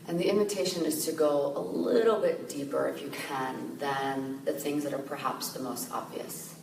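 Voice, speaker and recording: A woman meditation teacher calmly guiding a meditation, speaking gently and slowly with soft fillers. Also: low-pitched, vocal fry. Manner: gentle, slow, soothing guidance with soft fillers. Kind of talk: guided meditation. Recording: echoey room, distant mic, noisy ambience.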